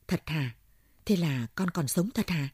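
A woman's voice: deep voice, expressive, unhurried, darkish tone, slightly rough, no echo, clean studio sound, exaggerated voice. A woman reading the part of a dazed, grieving old village woman who rambles on in bewilderment. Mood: bewildered.

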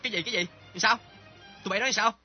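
A husky, blustering old moneylender. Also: male voice, high voice, racing. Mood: domineering. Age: older. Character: greedy bullying old male moneylender, cowardly. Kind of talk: radio drama acting. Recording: dull lo-fi recording with faint music.

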